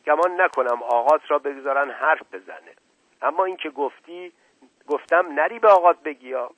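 A man reading aloud voices an anxious, folksy male household servant who talks with hushed worry. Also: a little high, no room sound, narrow, tinny audio, natural voice. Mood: worried, folksy. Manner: folksy, worried, speaks in hushed urgency.

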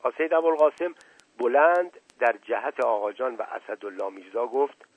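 A man's voice: mid-range voice, expressive, dry recording. A man reading a novel aloud, narrating steadily as an audiobook reader. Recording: husky voice over tinny phone-like band, dry.

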